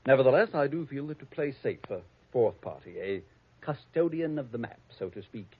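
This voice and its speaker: This is a male performer in 1940s radio acting, portraying a scheming, prim, snobbish heir with exact, sarcastic diction, heard through a dull lo-fi old radio recording. He has a husky, medium-pitched voice, brisk pacing, and lively intonation, all delivered with haughtiness.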